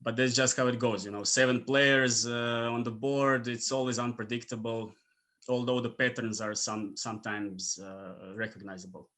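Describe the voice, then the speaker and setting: Croatian guy, english not his first language, bright forceful voice, um-ing a lot and drifting quiet at line ends. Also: medium pitch, normal speed. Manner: relaxed, many fillers, trailing off quietly. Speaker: guest. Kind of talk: casual interview chat.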